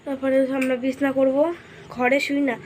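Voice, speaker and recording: A young woman with a hoarse voice and a stuffy nose from a cold, chatting casually to her vlog camera as she shows her meal and home. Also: high-pitched, completely flat delivery, a little fast, a crowd in the background. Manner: chatty, showing things to camera. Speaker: vlogger.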